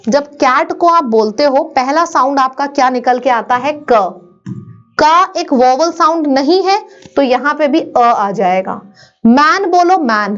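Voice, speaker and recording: A woman's voice: high-pitched, muffled recording. A woman teaching an online English grammar lesson, drilling students by asking questions and answering them herself.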